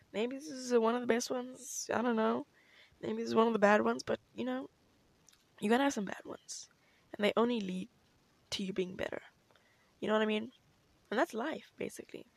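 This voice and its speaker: A woman's voice: fairly high pitch, gravelly, no room sound. A young woman chatting casually as a solo podcast host in a bubbly, gushing, girlish way, peppering her talk with filler words.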